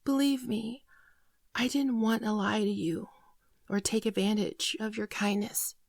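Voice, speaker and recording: In an intimate ASMR roleplay, a woman voices a timid, frightened shapeshifting alien who has been posing as a human girlfriend, softly pleading as she regretfully explains herself. Her mid-range, gravelly voice stays steady in tone while the delivery comes out halting, tearful and apologetic, often dropping to a whisper. The recording is dry and close, with no room sound.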